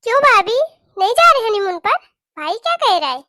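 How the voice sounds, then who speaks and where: A woman's voice: very high voice, big pitch swings, brisk, pushed and bright, dry recording, exaggerated voice. A woman voicing a caring young married daughter in a cartoon, talking in an earnest, pleading way. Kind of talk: cartoon voice acting.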